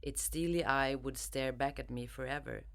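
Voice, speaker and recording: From Sweden, this woman author speaks with a very deep, gravelly yet fairly bright voice and a Swedish accent. She reads from her novel and talks reflectively in an interview, often halting as she searches for the right word.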